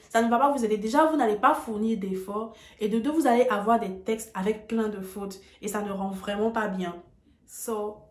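A woman's voice: medium pitch, darkish tone, echoey room. A woman giving a casual video lesson, talking straight to her viewers in an emphatic, direct way. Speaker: English tutor on video.

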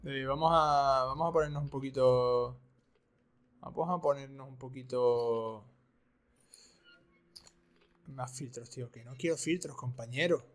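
A man commentating a video game, excitable and repeating his phrases. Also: medium pitch, unhurried, pauses often. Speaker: streamer. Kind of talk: gaming commentary.

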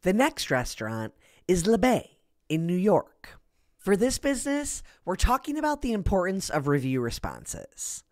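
Lively-voiced woman reading business tips. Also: on the low side, measured pace, no echo, clean studio sound. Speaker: podcast host. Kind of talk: scripted explainer read.

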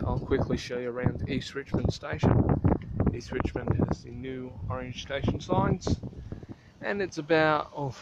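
Man vlogging over loud station noise. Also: lo-fi sound. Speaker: transport vlogger. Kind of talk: train-spotting vlog commentary. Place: open-air railway station platform. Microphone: handheld camera, operator behind it. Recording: noisy outdoor recording, train rumble.

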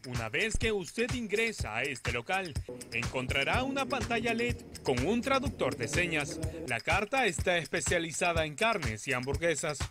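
A man reading a scripted news report in an emphatic, lively delivery. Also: a little high, normal speed. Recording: voice-over with loud background music.

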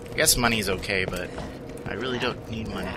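A man's voice: fairly low pitch, a little fast, heavy background noise. A man hosting a gaming video, giving casual let's-play commentary, rambling and joking as he plays. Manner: rambling, joking, talking to himself. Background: game gunfire.

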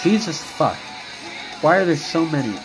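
A man's voice: a little high, expressive, moderate pace, creaky, poor audio. A man chatting on a game stream, rambling and cursing as he answers his chat. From United States. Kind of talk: casual live-stream chat while gaming. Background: music.

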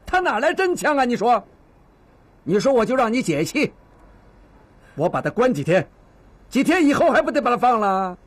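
A husky Beijing beat cop. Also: male voice, high voice, heavily acted. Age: 50s. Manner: patient, lecturing mediator who scolds and coaxes. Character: seasoned middle-aged male beat cop, stern yet fatherly. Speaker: neighborhood police officer. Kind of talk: TV drama acting.

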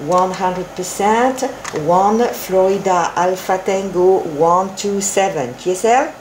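A woman's voice: medium pitch, a little slow, a little mellow, slight background noise, rough recording. A woman working as an amateur radio operator, giving phonetic call signs and signal reports and repeating them to confirm. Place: indoors at a desk with radio set.

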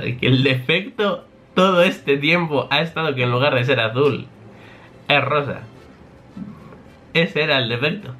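A man's voice: medium pitch, bright, forceful tone. A man reading a manga chapter aloud on his channel and commenting as he goes, thinking aloud. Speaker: manga reaction youtuber.

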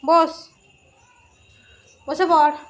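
High-pitched woman, home-video pet owner; playful coaxing and mock scolding. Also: flat delivery, very slow. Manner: coaxing, teasing, scolding talk to a dog. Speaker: dog owner filming her pet. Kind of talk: casual home video chat. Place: home indoors.

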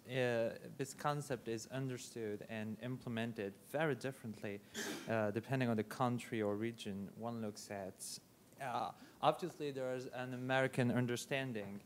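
A young man, an undergraduate, asking a panel a question in measured, formal phrasing. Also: medium pitch, a little hiss or hum.

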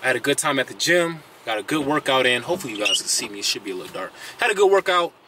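A man in his thirties with a Chicago accent, chatting casually to the camera in a relaxed vlog from inside a car. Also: mid-range voice, racing. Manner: relaxed, chatty, says "finna" and "you know". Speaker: vlogger. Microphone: camera on the dashboard. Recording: car interior with road noise.

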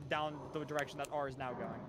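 A man's voice: mid-range voice, fairly even intonation, background noise. A young man explaining a video game to friends in casual voice chat, urging them on. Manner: quick, instructive, urging others on. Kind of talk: casual voice chat while gaming.

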